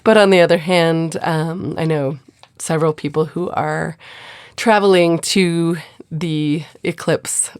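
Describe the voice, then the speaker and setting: A woman's voice: low-pitched, fairly even intonation, takes it slowly, darkish tone, clear, resonant tone, dry recording, studio quality. A woman podcast host who is sick and sounds nasal, chatting casually and speaking directly to her listeners. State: sick, congested.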